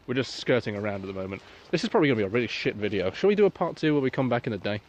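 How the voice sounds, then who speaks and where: A man's voice: medium pitch, big pitch swings, very fast, lo-fi sound, slight background noise. A young man, filming himself outdoors on a phone while exploring a cold abandoned building, swearing and joking drily. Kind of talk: casual vlog chat. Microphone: phone camera.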